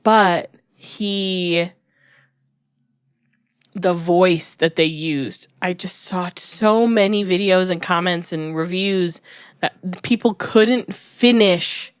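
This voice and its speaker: Slow, rambling woman podcast host. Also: on the low side, clear, resonant tone, no echo, studio quality. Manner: rambling, restarts and self-corrections. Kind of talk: casual chat about books.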